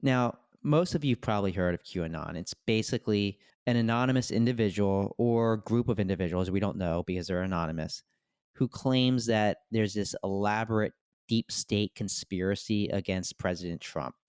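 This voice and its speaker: A man co-hosting a casual podcast, talking in an animated way with quick asides and restarts. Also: fairly low pitch, smooth, no room sound, clean studio sound. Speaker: podcast co-host.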